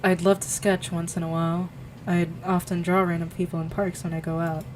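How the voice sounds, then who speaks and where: Quiet young art student, as a woman reads him. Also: on the low side, flat delivery, fairly quick, slight background noise, close to an everyday voice, low-quality recording. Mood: low-key. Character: calm young male art student, shy and laid-back.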